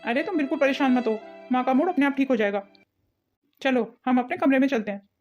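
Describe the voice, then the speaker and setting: A woman's voice: high voice, quick pace, darkish tone, soft background music, lightly acted. A woman voicing an arrogant married man in a cartoon family drama, who speaks defiantly and with contempt. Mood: soothing. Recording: dull lo-fi audio.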